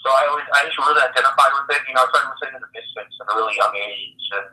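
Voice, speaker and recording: Thirties man from Baltimore, comedian guest, very sharp tense tone, picked up from far off the mic. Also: medium pitch. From Baltimore, USA. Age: 30s. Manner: easygoing, earnest, halting. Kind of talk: casual interview chat.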